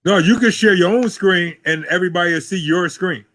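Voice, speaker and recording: Man on a video call, slightly high voice, casual chat, relaxed host. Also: a little fast. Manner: relaxed, talks in loose restarts.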